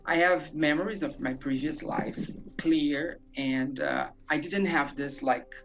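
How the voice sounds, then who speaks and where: A woman from Brazil, a native Portuguese speaker, crying as she tells her personal story haltingly to an online forum. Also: deep voice. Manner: halting, emotional, searching for words. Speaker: forum participant. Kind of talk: emotional personal account. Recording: muffled lo-fi audio with faint music.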